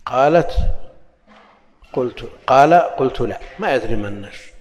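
A man's voice: mid-range voice, lively intonation, normal speed. A man teaching a religious lesson, explaining texts and moving between formal recitation and colloquial asides. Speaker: Islamic scholar teaching hadith. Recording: long hall reverb.

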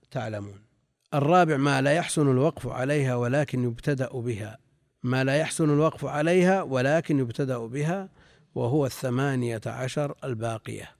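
In a dry, clean studio recording, a man of medium pitch and dark tone leads a lesson with commentary on a classical Islamic text. He reads sources aloud, explains them calmly, repeats and corrects himself, and occasionally asks his students questions.

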